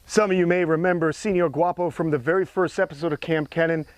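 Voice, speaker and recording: A man's voice: a little high, steady tone, quick pace, no room sound. A man presenting an educational animal tour outdoors in a casual, emphatic, admiring way, as an enthusiastic host and keeper. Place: outdoors among animal enclosures.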